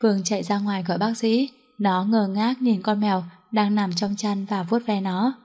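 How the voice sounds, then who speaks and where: A woman's voice: medium pitch, moderate pace. A woman reading a story aloud as an audiobook narrator, voicing every character in the same voice. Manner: reads all characters in one even voice.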